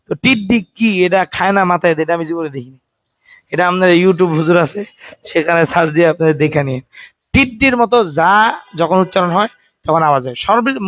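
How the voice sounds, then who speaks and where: Guy teaching quran recitation, pretty high voice, dull dry lo-fi sound, keeps asking students to say it louder. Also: dry recording. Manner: calls on students to answer aloud; colloquial, joking asides. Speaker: religious teacher.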